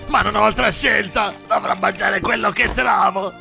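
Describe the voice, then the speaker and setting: A bitter little Pou creature, voiced by a man in a cartoon dub, squeaky high with a gravelly rasp. He swings between menacing threats and whiny pleading. Music plays clearly underneath. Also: fairly even intonation, moderate pace, pushed and bright, full character voice. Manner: menacing, whiny toward mother, gloating laughs. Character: vengeful male Pou creature, bitter and scheming.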